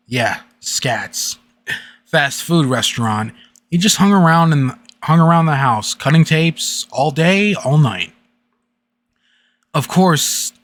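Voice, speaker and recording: A male streamer reads a horror story aloud for his viewers at an ordinary middle pitch. Between passages he talks loosely and hesitantly, full of little fillers, before settling back into the text. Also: a bit bright. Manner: halting, filler-heavy chat between readings. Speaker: streamer reading creepypasta. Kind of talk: live-stream story reading.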